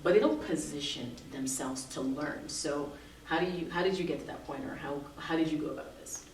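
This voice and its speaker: Fast-talking low-voiced female host. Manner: talks quickly, leading questions. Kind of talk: casual interview chat. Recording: roomy, distant mic, faint noise.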